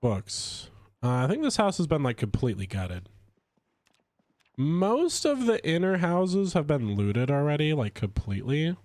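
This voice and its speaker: A man chatting casually while streaming a game, stuffy from a cold, rambling with lively swings in pitch. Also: measured pace, dry recording. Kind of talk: casual gameplay commentary.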